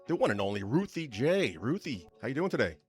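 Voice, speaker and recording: A man hosting a casual interview inside a collectibles shop, asking relaxed, joking questions. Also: mid-range voice, fairly quick, soft background music. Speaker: host.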